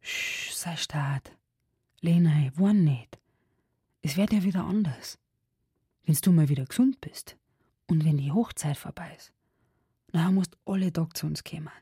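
A woman voicing a young farmhand in dialect, grumbling and then gently soothing. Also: deep voice, a little slow, long pauses, breathy edge, no echo, studio quality, full character voice. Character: young farmhand man, gruff then tender.

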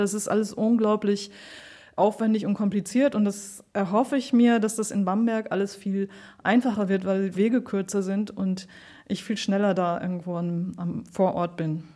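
Interviewed about her art, a sound artist who makes radio plays answers in a conversational, thoughtful way, explaining her work. Her voice is mellow and mid-range.

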